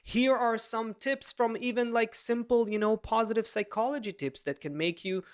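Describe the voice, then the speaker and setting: A man in his thirties, a podcast co-host, tells a story in casual conversation, animated and full of restarts, over a video call. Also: very high-pitched, moderate pace.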